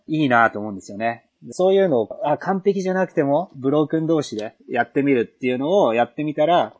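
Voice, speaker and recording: Fast-talking husky man. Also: mid-range voice, darkish tone. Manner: quick, encouraging, laughs often. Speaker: podcast co-host. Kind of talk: casual chat.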